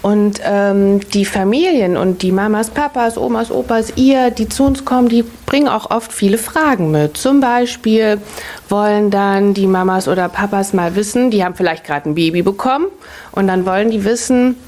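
Frau Mitte dreißig, erklärt Kindern geduldig und einfach, wiederholt ihre Fragen. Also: female voice, medium pitch, moderate pace, darkish tone. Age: 30s. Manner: patient, child-directed, repeats children's questions back. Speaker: family office employee interviewed by children. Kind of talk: explaining simply to children.

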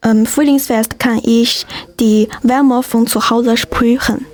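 Slow, higher-voiced woman from China. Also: fairly even intonation, a little mellow. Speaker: radio show guest.

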